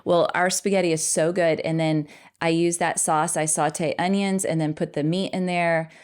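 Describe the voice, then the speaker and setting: A woman's voice: lowish voice, fairly even intonation, normal speed, clear, resonant tone. A middle-aged woman co-hosting a podcast, chatting casually with her husband, rambling and laughing often. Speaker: podcast co-host.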